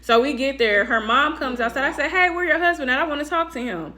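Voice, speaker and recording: High-voiced animated woman telling a story. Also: quick pace. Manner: animated, acts out quoted voices with big pitch jumps. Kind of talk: casual storytime vlog.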